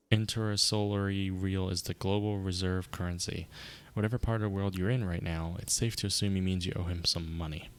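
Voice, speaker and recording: A man's voice: sits low, gravelly. A man streaming a video game, reading its dialogue aloud and reacting with sarcastic asides.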